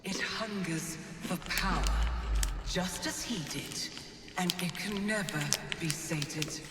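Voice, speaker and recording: A woman's voice: lowish voice, takes it slowly. A woman voicing a solemn, commanding goddess of magic in a video game, with a stately goddess voice under a heavy otherworldly echo. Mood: stern, grave. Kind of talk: scripted video game dialogue. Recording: cavernous echo, long reverb, distant, noisy.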